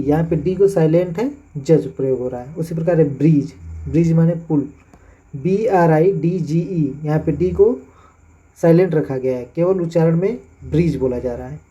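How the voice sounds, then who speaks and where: A man's voice: fairly high pitch, warm tone. A man with a Hindi accent teaching English pronunciation, spelling words letter by letter and then saying them. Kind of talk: pronunciation lesson. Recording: dull lo-fi sound.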